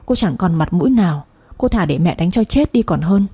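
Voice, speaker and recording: A woman narrates a story in an even, descriptive reading. Her voice is dark and mellow with a husky grain. The delivery is steady and scripted. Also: on the low side, brisk.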